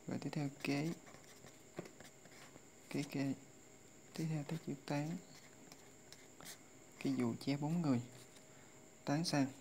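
A patient tutor talks through a casual lesson in a middle-pitched voice. Readings are recited slowly and repeated again and again, with a faint hiss under the recording. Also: steady tone, a little mellow. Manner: slow drilling recitation of readings, repeated over and over. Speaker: language tutor.

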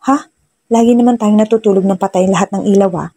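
A woman's voice: mid-range voice, fairly even intonation, quick pace, mellow, no room sound. A woman voicing an irritable, sleepy young husband in a storybook narration. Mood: worried. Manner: irritated, gruff.

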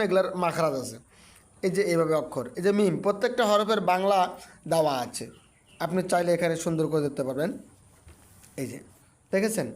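A man teaching Quran reading in Bengali. He talks slowly and repeats himself, sounding out each letter syllable by syllable. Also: high voice. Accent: Bangladeshi Bengali. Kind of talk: step-by-step spoken lesson.

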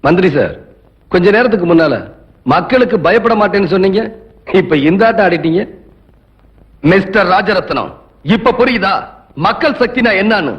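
Casting: defiant young idealist, high-voiced and moralizing, dramatic film delivery, slightly muffled old soundtrack. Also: male voice, expressive, normal speed, pauses often. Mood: taunting triumph. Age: young adult. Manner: firm, moralizing, challenging. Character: defiant, righteous young male champion of the poor. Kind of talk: dramatic Tamil film dialogue.

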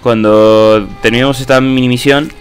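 A young male gamer with a Spain Spanish accent commentates casually as he plays. His voice is medium in pitch, with faint music behind. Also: steady tone, normal speed. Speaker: gaming video host. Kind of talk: casual let's-play commentary.

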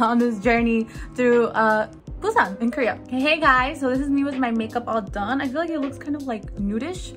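Young woman vlogger, somewhat high voice, chatty and giggly, handheld camera on the move, music under her. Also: rough recording. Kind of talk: casual vlog chat to camera. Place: home kitchen, then streets, subway station and shops. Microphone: handheld camera at arm's length.

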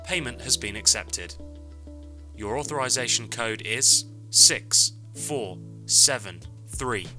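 A man's recorded automated phone payment prompts, measured and instructional, telling the caller which keys to press. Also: medium pitch, lively intonation, pushed and bright. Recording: clear background music.

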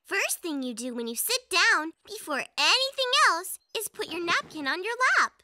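A woman voicing a kind, patient young girl in a children's cartoon who gently teaches good manners. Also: very high-pitched, big pitch swings, normal speed, faint music behind, exaggerated voice. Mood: gentle. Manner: gentle, instructive and sweet.

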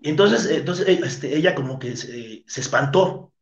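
A man's voice: a little high, animated, moderate pace. A man with a Mexican accent, a wrestler guest in an interview, tells a rambling, crude, slang-heavy story and acts out the voices of the people in it. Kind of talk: casual storytelling. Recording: roomy, muffled lo-fi sound.

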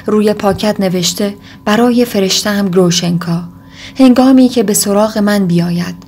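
Brief: audiobook, woman reading an agitated young man, intense, mid-pitched. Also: a little mellow, soft background music, natural voice. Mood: brooding.

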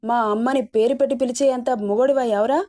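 A woman's voice: on the high side, steady tone, fast talker, dark tone, natural voice. A woman voicing a stern middle-aged man, a son and a father, who scolds and warns.

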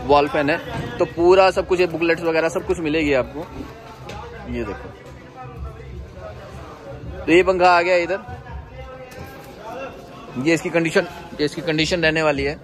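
Indian man, 30s, slightly high voice; casual wholesale-seller vlog host, brisk sales patter, handheld phone walkaround in a warehouse. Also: some chatter behind. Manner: brisk salesman pitch, addresses viewers as guys. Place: large warehouse and loading yard, partly outdoors. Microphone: handheld phone selfie camera, moving around.

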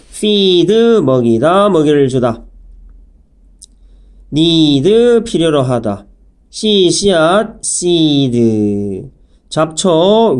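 Slow, lively male phonics teacher. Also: on the high side. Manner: spells words letter by letter, with a pun now and then. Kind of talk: slow, clear vocabulary lesson.

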